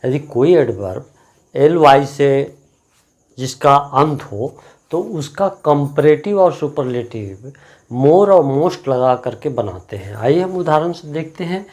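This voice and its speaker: A male English teacher with a Hindi accent, explaining grammar rules slowly and repeating each word to drill it. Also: fairly high pitch, animated, a little mellow. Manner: slow, deliberate, repeats words to drill them. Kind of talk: classroom grammar lesson.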